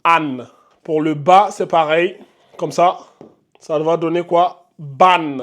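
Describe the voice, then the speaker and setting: A man's voice: on the high side, steady tone, slow pace, a bit bright. A man teaching a lesson on Arabic letters, calling out each sound and checking in with his viewers. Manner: drills sounds aloud, stressing letter names; addresses viewers directly, frequent checks. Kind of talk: whiteboard lesson.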